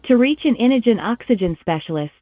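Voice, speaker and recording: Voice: mid-range voice, quick pace, dry recording. A recorded automated phone menu message, read out as a polite scripted announcement. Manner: even, polite prompt delivery. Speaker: automated phone system prompt. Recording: tinny phone line.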